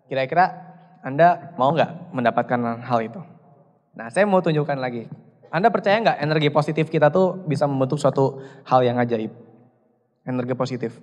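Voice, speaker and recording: A man's voice: mid-range voice, moderate pace, long pauses, a little mellow. A man of twenty-one giving a chatty motivational seminar talk, putting questions to the audience and acting out quoted dialogue. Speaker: business seminar speaker. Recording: long hall reverb.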